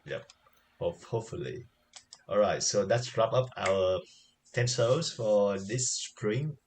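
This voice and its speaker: A man with a very low voice co-hosts a casual podcast, his speech halting and full of fillers. Faint background noise sits behind his voice. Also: darkish tone. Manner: halting, many fillers, frequent "yep" agreement. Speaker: podcast co-host. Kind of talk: casual chat reviewing anime.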